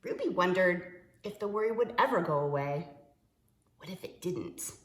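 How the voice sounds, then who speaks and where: Woman, preschool story time reader, lively swooping intonation, dramatic pauses, roomy echoing sound. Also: lowish voice. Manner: animated, dramatic pauses and stretched words, hushed asides to young listeners. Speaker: preschool teacher reading a picture book aloud. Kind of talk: expressive children's story time reading.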